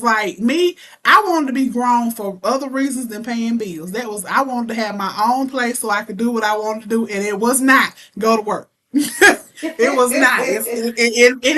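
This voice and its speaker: A young woman chatting casually as an interview guest, telling animated stories full of playful mock threats. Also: on the high side. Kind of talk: casual chat.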